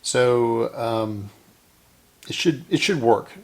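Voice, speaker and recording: The host of a radio repair channel speaks very slowly in a mid-range voice. He narrates hands-on repair work casually, thinking aloud and often correcting himself as he goes.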